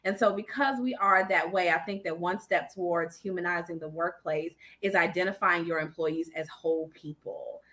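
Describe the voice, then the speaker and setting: A woman's voice: lowish voice, moderate pace, hardly any pauses, fairly bright tone. A woman speaking as a guest on a panel discussion, earnest and thoughtful.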